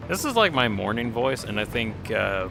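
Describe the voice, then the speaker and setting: Over game music, a man streams a game and rambles casually, reacting to chat and chuckling often. His voice is on the low side, gravelly and sing-song at a normal speed, with a slight nasal quality from a cold.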